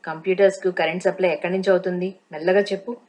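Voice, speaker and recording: A tough, commanding male intelligence agent, read by a woman narrator from an audiobook thriller. He keeps his words short and his threats quiet. The voice sits somewhat low. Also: flat delivery, rapid-fire, lightly acted. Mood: menacing.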